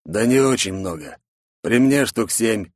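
A man's voice: lowish voice, lively intonation, measured pace, no room sound, clean studio sound. A man voicing an arrogant, callous boss who drawls and lapses into pompous speeches. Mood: dismissive. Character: arrogant, callous male boss, grandiose and mocking. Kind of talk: audiobook character voice.

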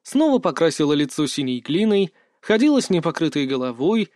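A man reading a first-person fantasy audiobook aloud, with measured pacing and lively rises in pitch. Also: no room sound, studio quality. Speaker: audiobook narrator.

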